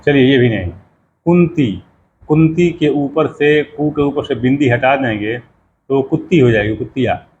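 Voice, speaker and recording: A middle-aged man teaching as a pandit, explaining mantra pronunciation at a measured pace and drawing out each sound he stresses. He often stops to ask the listener how a sound should be read. The audio is a little dull and lo-fi, with faint noise behind him. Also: medium pitch, darkish tone. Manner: explanatory, repeats key sounds slowly, asks rhetorical questions. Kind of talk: spoken lesson to camera.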